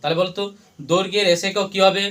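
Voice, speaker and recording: A man's voice: high-pitched, little pitch movement, racing, a bit bright. A man teaching a classroom, drilling his students with repeated questions and having them chant the answers back. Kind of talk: classroom lesson with call-and-response.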